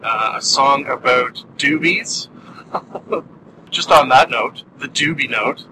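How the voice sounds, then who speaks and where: A man's voice: mid-range voice, a little slow, background noise. A man giving a casual spoken review, rambling and self-deprecating, with many fillers and restarts.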